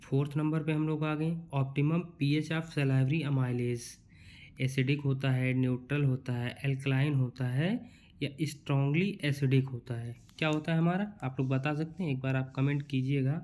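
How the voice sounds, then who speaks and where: A young man runs through a quiz lesson for exam students. He reads each question out slowly and then talks through the answer in a relaxed, repetitive way, checking in with the listener again and again. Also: medium pitch. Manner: reads questions slowly, then explains casually with repeated fillers. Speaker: teacher. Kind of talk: exam-prep lecture.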